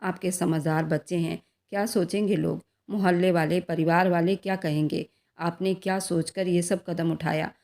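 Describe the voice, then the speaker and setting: A woman's voice: fairly low pitch, fairly even intonation, normal speed, darkish tone, lightly acted. A woman voicing an indignant, hurt middle-aged wife and mother in a storybook reading. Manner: indignant, pleading.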